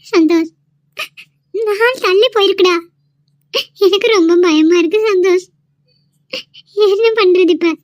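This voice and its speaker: Woman doing a teary college girl, very high voice, pleading, accusing, dry close sound, cartoon. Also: unhurried, pauses often, darkish tone, dry recording. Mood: frightened, pleading. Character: tearful young female college student, frightened and reproachful. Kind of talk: cartoon voice acting.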